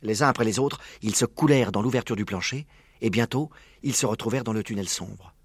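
A man narrating a children's story aloud, expressive and slowing down for suspense. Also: on the low side, slightly rough, dry recording, clean studio sound. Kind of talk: storybook reading.

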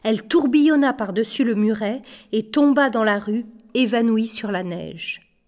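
A woman reading a novel aloud as narrator, measured in her storytelling and sometimes dropping to a hush. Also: on the high side. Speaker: audiobook narrator.

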